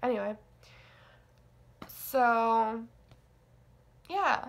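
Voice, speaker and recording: This young woman of nineteen has an expressive, slightly high voice and tends to draw out her words. She vlogs casually in a confessional way, rambling with hesitation, lots of fillers, and jokes at her own expense.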